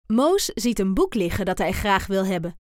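A woman reading a children's storybook aloud in a calm, clear storytelling voice. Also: mid-range voice, normal speed, no room sound, clean studio sound. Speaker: storybook reader.

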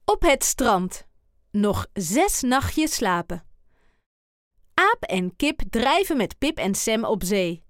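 Slow, lively woman reading a picture book. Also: a little high, no room sound, studio quality. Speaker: storyteller.

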